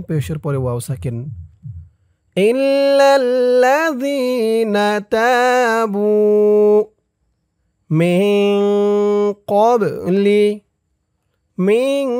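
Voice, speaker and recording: A man teaching Quran reading, chanting words slowly and explaining each letter rule in a lower voice. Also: warm tone, dry recording, clean studio sound. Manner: recites verses in a chanting tone, then explains spelling rules in a lower, quicker voice. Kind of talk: slow step-by-step recitation lesson.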